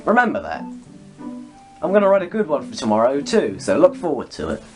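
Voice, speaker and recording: Man doing a bratty teen schoolgirl, lively pitch swings, game reading. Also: brisk, music in the background. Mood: earnest. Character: sassy short-tempered teenage schoolgirl. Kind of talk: let's play character reading.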